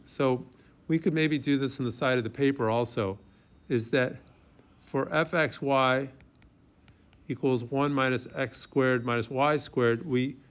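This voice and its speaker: A man gives a classroom math lecture in a mid-pitched voice. He talks informally, thinking aloud as he writes, and often turns to the students with a question. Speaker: math professor. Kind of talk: classroom lecture, working through problems aloud.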